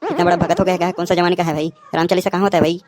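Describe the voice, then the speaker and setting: A man's voice: high-pitched, little pitch movement, rapid-fire, a little mellow. A man giving a mocking, comic voice-over commentary on a cartoon as the channel host. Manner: mocking, roasting.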